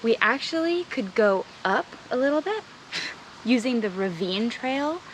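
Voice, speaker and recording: Woman co-host, a bit high voice, chatty hiking vlog, clear outdoor noise behind. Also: measured pace, rough recording. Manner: chatty and excitable. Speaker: travel vlogger. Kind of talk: casual hiking vlog chat. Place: outdoor wooded trail.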